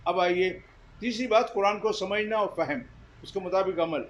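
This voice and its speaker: High-voiced emphatic male preacher. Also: a little hiss or hum, poor audio. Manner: emphatic, addresses listeners directly with questions. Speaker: Islamic preacher. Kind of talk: sermon. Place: Jeddah.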